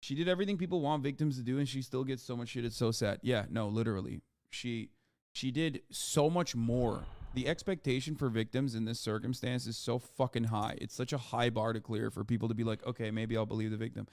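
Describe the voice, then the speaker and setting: A man's voice: mid-range voice, fairly quick, darkish tone, dry recording. A male streamer in a casual reaction stream, talking earnestly and swearing casually.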